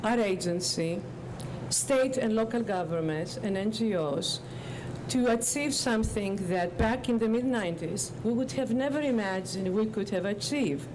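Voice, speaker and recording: A woman giving an informal public speech as a guest official, in deliberate, halting short phrases. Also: mid-range voice, animated. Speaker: government agency director, guest speaker. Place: outdoors on a public street. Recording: outdoor street with loud traffic noise. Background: clear traffic noise.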